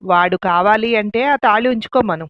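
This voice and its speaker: A woman's voice: medium pitch, moderate pace, dry recording, lightly acted. A woman voicing a stern, angry middle-aged father who speaks in harsh commands. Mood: commanding. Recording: dull lo-fi, dry.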